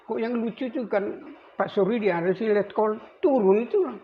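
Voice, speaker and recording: An elderly man in his eighties, a navy veteran, recalling his service in a rambling, halting way with many restarts. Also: sits high. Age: 80s. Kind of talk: recorded interview. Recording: dull lo-fi recording with faint noise.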